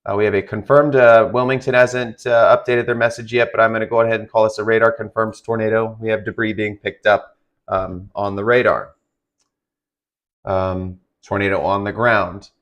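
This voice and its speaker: A man doing live severe weather commentary, halting and improvised, giving urgent and direct warnings to listeners. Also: fairly low pitch, flat delivery, a bit bright. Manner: halting, improvised phrasing with repeated restarts. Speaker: live-stream weather broadcaster.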